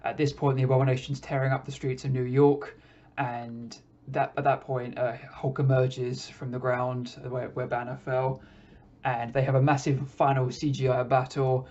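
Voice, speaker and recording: A man hosting a podcast, giving a casual, relaxed film review with frequent hesitations. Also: medium pitch, normal speed. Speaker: podcast host reviewing films. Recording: dull lo-fi recording.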